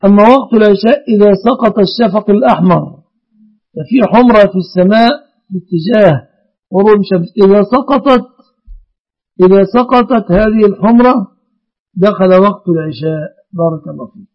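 A man's voice: sits high, a little fast, highs cut off. A man, a sheikh who answers callers' religious questions in a didactic, emphatic way and checks that the listener is following. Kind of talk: call-in religious Q&A.

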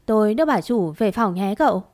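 A woman voicing a composed older maidservant with a flat, unruffled manner. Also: medium pitch, a little fast, natural voice.

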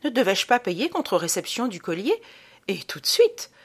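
A woman's voice: mid-range voice, very animated, normal speed, husky. A woman reading the part of a mocking young courtesan in an audiobook, teasing and offhand.

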